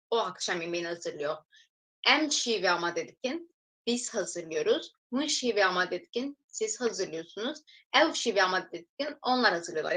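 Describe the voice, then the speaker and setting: A woman teaching a recorded language lesson, explaining step by step, reading example sentences slowly and then translating them for viewers she calls friends. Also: mid-range voice, bright, forceful tone, poor audio.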